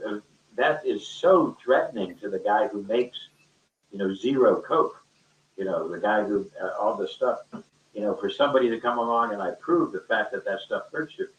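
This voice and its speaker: A teacher joins an online discussion and speaks in a lowish, animated voice at a moderate pace, rambling casually and stressing his points. The call audio is dull and echoey, picked up by a far-off microphone.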